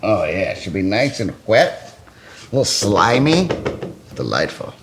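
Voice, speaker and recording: Joking low-voiced man hosting a cooking show. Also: very animated, measured pace, background noise. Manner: joking, crude, playful. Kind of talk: casual cooking demo with banter.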